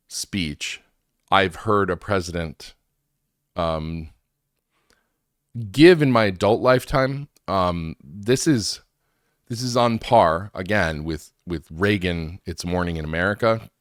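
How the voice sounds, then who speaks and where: A man's voice: on the low side, lively intonation, slow pace, long pauses, no echo, clean studio sound. A man hosting a talk show with informal, conversational political commentary, slightly wheezy and congested from allergies.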